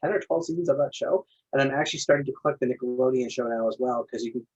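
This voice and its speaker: A man's voice: medium pitch, rapid-fire, darkish tone, breathy edge. A man co-hosting a podcast in casual chat, rambling eagerly and restarting his sentences often. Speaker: podcast co-host. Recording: dull lo-fi recording.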